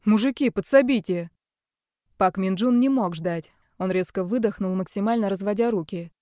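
A woman's voice: medium pitch, moderate pace, dark tone, no room sound. Woman reading an audiobook, dry sound. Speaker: audiobook narrator. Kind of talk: scripted narration.

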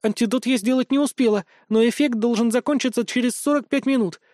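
A man's voice: very high voice, quick pace, a little mellow, dry recording, studio quality, pitched above the performer's own voice. Man voicing a flustered young woman alchemist. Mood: apologetic. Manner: apologetic, pleading.

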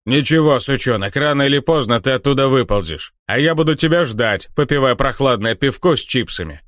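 A man's voice: mid-range voice, animated, a little fast, a bit bright, no room sound, clean studio sound, lightly acted. A man voicing a big rude male orc guardian player, coarse and threatening. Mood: furious.

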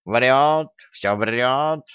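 A man's voice: medium pitch, very slow, fairly bright tone, clean tone, dry recording, voice pushed up. Yowling bossy male cat, a man putting it on, dry close sound. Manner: yowling, squabbling.

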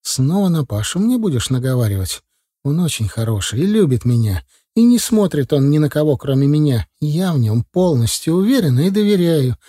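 A man's voice: a little high, big pitch swings, brisk, warm tone, breathy edge. A man voicing a young indignant wife. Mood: defensive. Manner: tense, indignant. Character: young woman, defensive, trusting wife.

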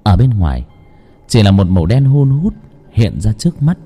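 Guy telling a ghost story, low dark husky voice, swoops up and down a lot. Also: big pitch swings, normal speed. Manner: dramatic, suspenseful, wide-ranging delivery.

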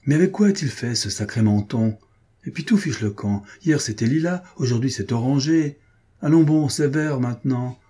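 A man's voice: medium pitch, a little slow, mellow, slightly rough. A man voicing a grief-stricken male painter, obsessive and volatile, with a feverish, exclamatory way of speaking. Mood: fretful.

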